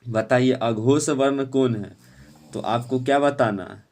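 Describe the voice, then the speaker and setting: A man teaching an exam-prep lesson, quizzing students and urging them to answer quickly. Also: medium pitch, a little mellow.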